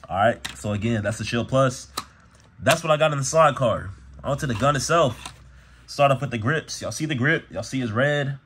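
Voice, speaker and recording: A man's voice: mid-range voice, fairly bright tone, a little hiss or hum. A man talking casually to camera as a gear vlogger, with a laid-back, slangy delivery full of "bro" and "y'all". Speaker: gun channel vlogger.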